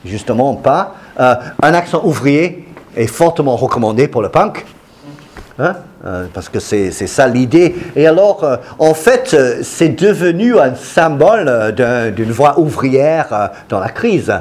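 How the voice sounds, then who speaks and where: A man's voice: medium pitch, very animated, unhurried, a little mellow. Hesitant man explaining music history. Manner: hesitant, many fillers and restarts. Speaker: lecturer on punk music. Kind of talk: explanatory talk.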